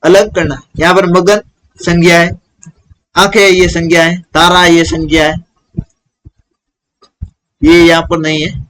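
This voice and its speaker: A man's voice: a little high, level tone, measured pace, long pauses, a bit bright, rough recording. A man teaching a primary school lesson to children, who asks questions and answers them himself.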